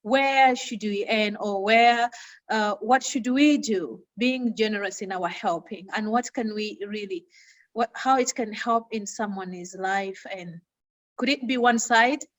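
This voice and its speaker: A woman's voice: mid-range voice, unhurried. A young adult woman hosting a talk show, effusive and admiring toward her guest. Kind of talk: casual chat.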